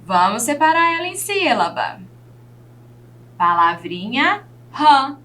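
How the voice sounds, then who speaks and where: Brazilian woman teacher for a kids' video lesson, fairly high and bright voice, patient questioning tone. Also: very animated. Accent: Brazilian Portuguese. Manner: slow, sing-song teacherly delivery, asks children questions.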